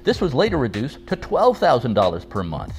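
An older man in his sixties talks through a prepared response at home, his pitch swinging widely from phrase to phrase. He explains things step by step with a dry, wry edge, and faint music runs underneath. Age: 60s. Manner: animated, measured explanation with wry asides. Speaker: father responding to a video. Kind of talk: scripted video response. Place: home room, seated in leather armchair.

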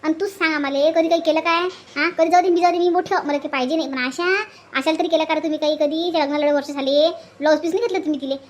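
A woman voicing a blunt married village sister in a cartoon, speaking with a Varhadi Marathi accent in a high, scolding manner. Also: steady tone, very fast, natural voice. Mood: indignant. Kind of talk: cartoon voice acting.

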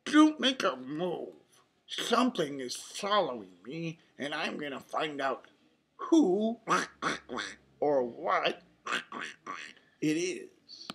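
A grumpy male cartoon duck played by a woman grumbles in a slow, husky voice. He is suspicious of everything and stretches his words with stubborn emphasis, as in a children's storybook. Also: sits low, sing-song, full character voice.

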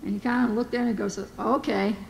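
A woman speaks at a memorial, telling humorous stories about her late boss and acting out the dialogue. Her voice sits slightly high and carries a gravelly edge. The sound rings with the long reverb of a large hall, with a faint rumble underneath. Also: fairly even intonation, fast talker, darkish tone. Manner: humorous storytelling, quoting others. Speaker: memorial speaker, former staffer. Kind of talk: anecdotal eulogy speech.

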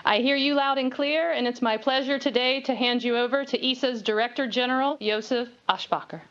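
A woman's voice: sits high, brisk, a bit bright. A woman at the space agency running a formal radio voice check with the station over a communication link. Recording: muffled radio loop.

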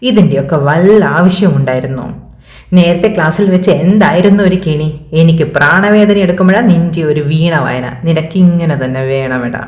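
A woman's voice: sits low, a little fast, a little mellow, roomy sound, natural voice. A woman voicing an irritated young male student who mutters curses through clenched teeth. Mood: mocking. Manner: gruff, swearing under his breath.

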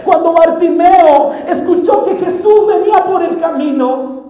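A man preaching a Pentecostal sermon with passion, often shouting and acting out a beggar's cries. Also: very high-pitched, unhurried, soft background music. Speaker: pastor. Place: church hall. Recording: echoey hall, long reverb.

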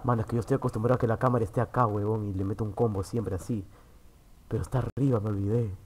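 A man with a Peruvian Spanish accent streaming from an internet café booth, chatting casually with his viewers. He is excitable, swears freely, and swings between loud outbursts and low muttering. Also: racing, husky. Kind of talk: casual livestream chat.

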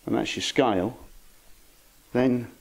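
A man's voice: mid-range voice, takes it slowly, gravelly, husky, rough recording. An older man giving an informal lecture to an astronomy club, with dry, wry humour and chatty asides. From England.

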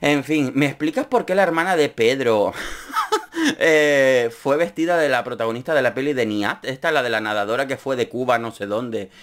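Young man, from Spain, casual comedic commentary, lively pitch, laughs a lot, jumps into high mocking voices. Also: moderate pace. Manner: animated, laughs often, mimics voices in high falsetto. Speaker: vlogger commenting on a reality show.

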